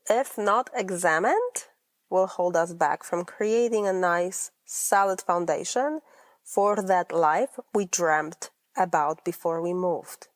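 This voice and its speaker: Hosting her podcast, a Polish life coach in her thirties reads a scripted monologue with earnest, personal warmth, rolling her R's in a Polish accent. Her pitch is fairly low, and there's no room sound.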